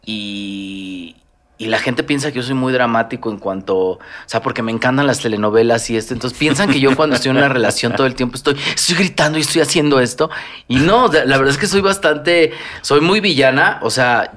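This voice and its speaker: A Mexican man chatting casually as a podcast guest, spinning personal anecdotes and slipping into the voices of the people he quotes. His pitch is middling, and his delivery stays expressive and conversational throughout. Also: fairly quick. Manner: storytelling, animated, acts out quoted dialogue. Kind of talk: casual chat.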